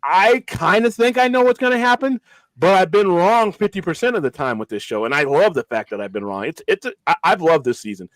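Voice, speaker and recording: Podcast co-host, male, casual and emphatic, repeats himself, slightly raised pitch, dry mic. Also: lively intonation, brisk, a bit bright, no echo, poor audio. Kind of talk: casual chat.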